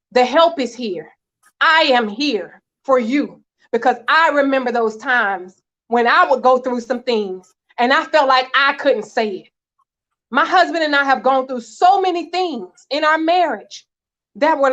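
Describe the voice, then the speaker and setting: A woman's voice: sits high, a bit bright, muffled recording. A woman speaking as a marriage coach guest, earnest and encouraging, talking straight to her listeners. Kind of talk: heartfelt church talk show chat.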